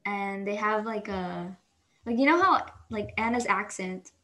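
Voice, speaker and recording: A woman's voice: medium pitch, a little slow, bright, forceful tone, rough recording. A woman musing aloud in casual podcast chat, rambling with many "like"s. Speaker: podcast co-host.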